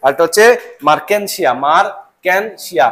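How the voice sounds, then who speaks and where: A man's voice: high voice, moderate pace. A young man teaching a biology class to students in a classroom. He repeats each term and keeps checking that they follow. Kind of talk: live classroom lecture.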